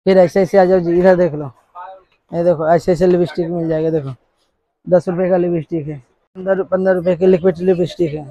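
A man in his thirties showing goods in a crowded shop, listing prices over and over in brisk salesman patter. His voice sits slightly high yet barely moves in pitch, with a dark, mellow tone. It comes through dry and dull, like a lo-fi phone recording. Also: fairly even intonation, no echo. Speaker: wholesale shopkeeper. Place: crowded cosmetics shop, indoors.

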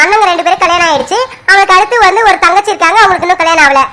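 A woman's voice: extremely high pitch, pushed and bright, slight background noise. A woman voicing a young unmarried village daughter in a cartoon serial, who answers her father defensively and stands up for the man she loves. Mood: explaining. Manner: pleading, defensive, quick replies.

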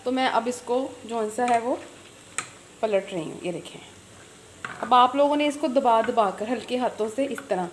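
A Pakistani woman hosting a cooking channel chats with viewers as she walks them through a recipe in her home kitchen, filmed on a phone camera. Her voice is a little high and her pace moderate, and she talks to viewers directly, leaning on repeated filler phrases. A slight hiss or hum sits under the audio.

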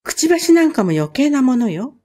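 A woman reading a storybook aloud and voicing a polite, gently boastful expectant mother cow. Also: sits high, sing-song, fairly quick. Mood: proud.

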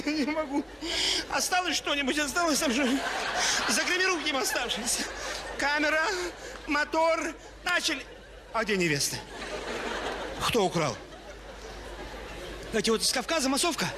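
A man doing a stand-up routine as a fed-up film director who barks orders at his cast. His voice sits very high and leaps around a lot. The stage recording is full of audience laughter and background noise. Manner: bossy, exasperated barking of orders. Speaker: stand-up comedian. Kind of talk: comic monologue as a film director.

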